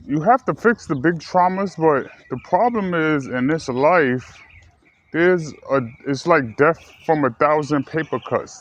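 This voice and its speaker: A man from the United States talking casually and earnestly to his viewers, rambling and correcting himself as he goes. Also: fairly high pitch. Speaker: vlogger. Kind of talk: casual personal talk to camera. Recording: slightly dull lo-fi recording with faint ambient noise.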